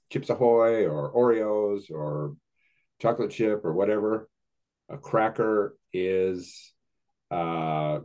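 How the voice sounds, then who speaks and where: Male class host, low voice, unhurried, patient explainer over video call. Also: a little mellow. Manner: patient, explains slowly, switches between two languages. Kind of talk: online class teaching.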